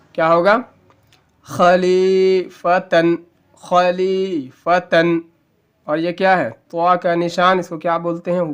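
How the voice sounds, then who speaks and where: A man's voice: fairly high pitch, fairly bright tone, clean tone. A male Quran teacher giving a letter-by-letter spelling lesson, patiently explaining the reading rules and stretching out each joined word. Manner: spells syllables slowly, then draws out the joined word.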